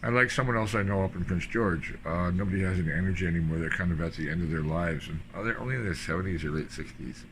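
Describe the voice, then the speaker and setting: An older man talks in a loose, digressive monologue, pitched very low in his throat. He drifts between thoughts with plenty of fillers. His cheap mic picks up a clear bed of noise behind the voice. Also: fast talker, few pauses. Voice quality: very deep voice. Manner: rambling, digressive, full of fillers. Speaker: vlogger. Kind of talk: rambling monologue.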